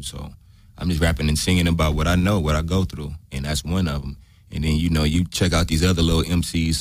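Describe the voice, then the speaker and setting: A man's voice: sits low, dry recording. A male rapper being interviewed, talking casually in slang and often checking that the listener follows. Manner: street slang, repeats "you feel me". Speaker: rapper guest.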